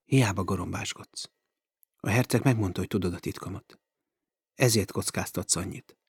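A man's voice: low voice, slightly rough, no echo, studio quality, full character voice. A man voicing a young woman disguised as a boy, speaking defiantly and pleadingly.

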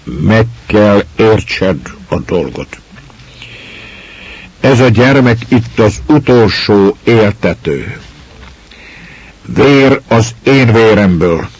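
A stern old landowner, gruff and used to being obeyed, as a male reader puts him on. He pushes out commands in a raised, hoarse-edged voice. The audio is a little muffled. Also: fairly low pitch, lively intonation, long pauses, voice pushed up. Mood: pleading, stern. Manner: commanding, shouting orders.

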